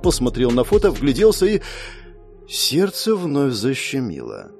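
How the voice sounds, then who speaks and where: A man narrating a dramatic first-person audiobook with emotional, expressive delivery over faint background music. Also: medium pitch, unhurried, vocal fry.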